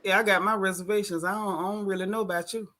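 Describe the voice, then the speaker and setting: A woman hosting a casual gossip chat, sassy and playful with loud joking. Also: medium pitch, fairly even intonation, quick pace. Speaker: podcast host.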